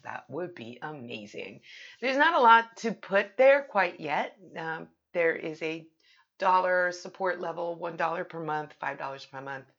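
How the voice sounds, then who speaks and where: A low-pitched woman talks casually as a solo podcast host, chatty and self-deprecating. The recording is dull and lo-fi, made in a home bathroom. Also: fairly bright tone.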